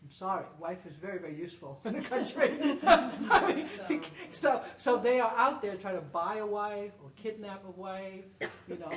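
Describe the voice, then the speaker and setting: An older woman with a medium-pitched voice and lively intonation tells stories to an audience at a moderate pace, emphatic and conversational, repeating phrases and asking "okay?" to check in. She is a panel speaker and performer at a public library event indoors, recorded by a distant mic in a roomy space with faint noise.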